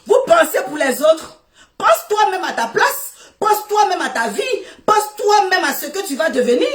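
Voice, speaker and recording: High-voiced woman ranting on a live stream. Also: very animated, normal speed, distant mic. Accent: West African French. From West Africa. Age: middle-aged. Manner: loud, laughing, scolding. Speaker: Facebook live host. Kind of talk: Facebook live rant. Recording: echoey room, off-mic.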